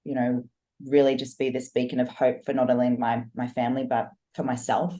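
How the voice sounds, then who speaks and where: An Australian business coach, a woman, tells her life story as a guest on a podcast interview, earnest and reflective and given to long flowing stories. Her voice is rumbling low and dark, with little pitch movement and a slightly fast pace.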